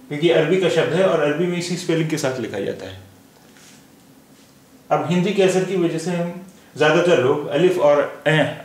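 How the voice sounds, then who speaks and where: A man's voice: a little high, roomy sound. A man with a Lucknow Hindi-Urdu accent teaching a language lesson, patiently repeating sounds to demonstrate them. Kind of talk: slow spoken lesson.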